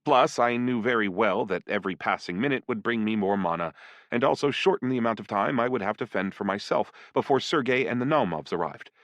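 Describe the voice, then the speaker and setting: A man narrating a first-person dark fantasy audiobook in an expressive storytelling manner. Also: on the low side, a little fast, dry recording.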